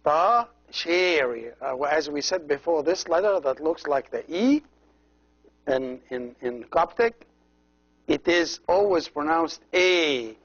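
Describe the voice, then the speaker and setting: A man teaching a language lesson as a priest, slowly repeating each word and explaining how every letter is pronounced. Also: on the high side, lively intonation, fairly bright tone. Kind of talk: slow, patient language lesson. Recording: dull lo-fi recording.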